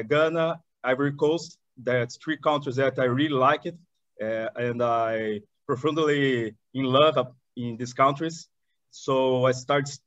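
A Brazilian man in his thirties from the south of the country, a Portuguese speaker, appears as a guest on a video call interview; he directs a chamber of commerce. He speaks eagerly in halting, accented English, often restarting, with a medium pitch. Captured on a webcam in an indoor room with curtains behind him, the audio is dull and dry with no echo.

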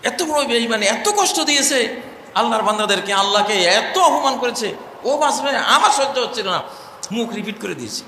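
A male preacher giving an impassioned sermon, swinging between loud cries and low murmurs and chanting verses. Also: animated, moderate pace. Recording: echoey hall, faint noise.

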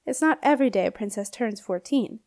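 A woman's voice: on the high side, lively intonation, a little fast, darkish tone. Woman doing a jovial ancient ghost knight. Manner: jovial, chuckling, jokey. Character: cheerful ancient male ghost knight, joking guard.

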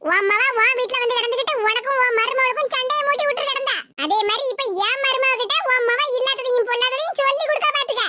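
Someone playing an angry tirunelveli auntie, bossy, threatening, really high voice, noisy. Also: fairly even intonation, fast talker, hardly any pauses. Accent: Tirunelveli Tamil. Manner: scolding, threatening, loud. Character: angry, scolding middle-aged neighbour woman. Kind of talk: cartoon voice acting.

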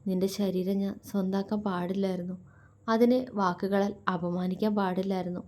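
A remorseful young husband, as a woman storyteller voices him, with a hushed, subdued delivery that drops just below the narration in pitch and sinks clearly softer. His lines come quiet and choked. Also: moderate pace, lightly acted.

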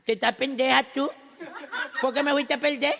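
A man doing a rude, stubborn Mexican son who talks back with cheek. The voice is high and gravelly. Long reverb and band music fill the space behind it. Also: fairly even intonation, moderate pace. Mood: cheeky. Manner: cheeky and insulting. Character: brash stubborn son who always finds his way home.

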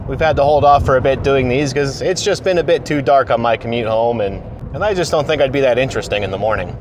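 A fast-talking man with a medium-pitched voice, in his late thirties and apprenticing as an aircraft mechanic, records a casual commute vlog from inside his car. He addresses the dashboard camera in a direct, plain-spoken, encouraging way, with road and car noise clearly heard behind him.

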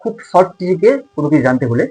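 A man's voice: fairly high pitch, expressive, rapid-fire, darkish tone, husky, faint music behind, low-quality recording. A male tutor with a Bengali accent teaching a grammar lesson, asking his students questions and answering them himself.

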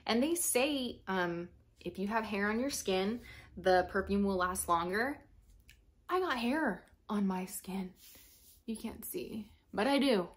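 A woman's voice: mid-range voice, slow. Casual young American woman talking with braces. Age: young adult. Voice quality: slightly impeded articulation from braces. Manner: informal, expressive, slangy. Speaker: perfume reviewer. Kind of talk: casual chat, product review to camera. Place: small furnished room at home, indoors.

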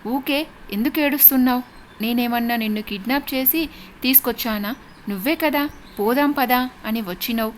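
A woman narrator reads a bossy young village man, blunt and dismissive. The voice sits fairly high, and a faint hiss runs under it. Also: normal speed, natural voice.

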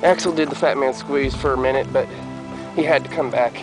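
Middle-aged man, casual travel vlog, handheld camera mic, wind, loud music under. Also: medium pitch, steady tone, a little fast, low-quality recording. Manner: chatty, talking while hiking and filming. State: a little out of breath. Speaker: travel vlogger. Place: outdoors among rocks, wind.

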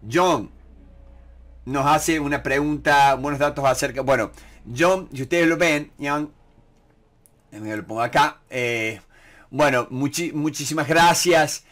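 A man's voice: on the high side, a bit bright. A man with a Rioplatense Spanish accent, answering viewer questions about negotiation in a casual live talk, full of "este" fillers and quoted lines he acts out.

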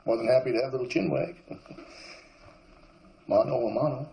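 An actor playing a stubborn small-town police captain who talks in a drawling, homespun way. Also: male voice, medium pitch, a little fast, creaky, mellow, close to an everyday voice. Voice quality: drawling, homespun turns of phrase.

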